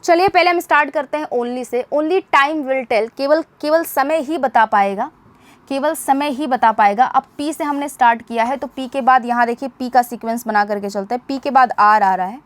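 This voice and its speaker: Brief: young woman from India, high voice, patient exam tutor who repeats key points. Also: no room sound. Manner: explanatory, repeats points and checks with "theek hai?"; reads English sentences slowly and deliberately. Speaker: teacher. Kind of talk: exam-prep lesson in Hindi with English terms.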